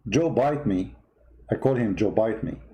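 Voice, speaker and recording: A host commentator with a foreign accent, not a native English speaker, delivers heated, mocking political commentary packed with repeated rhetorical questions. His voice is lowish and warm, with lively intonation and a slightly slow pace.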